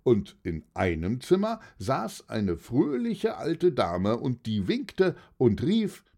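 A narrator reading a children's story aloud in an animated, storytelling way. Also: mid-range voice. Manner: slow, animated, husky storytelling.

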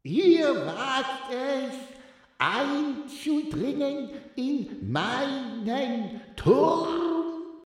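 A spooky ghost floats through a lighthouse in a children's audio story, uttering slow, drawn-out threats in a high, swooping voice. The voice rings in heavy echo with a long reverb tail. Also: male voice, sing-song, heavily acted. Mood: menacing. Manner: slow, drawn-out menacing threats with eerie laughter.

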